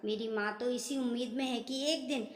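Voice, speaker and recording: A woman's voice: a little high, fairly even intonation, moderate pace, soft background music, natural voice. Woman doing a frustrated young husband. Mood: complaining. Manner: complaining, earnest. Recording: echoey room with long reverb.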